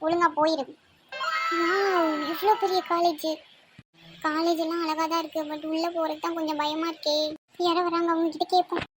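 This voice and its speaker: A woman's voice: very high voice, little pitch movement, normal speed, a bit bright, slight background noise. A woman voicing a timid young female college freshman who talks anxiously and complains.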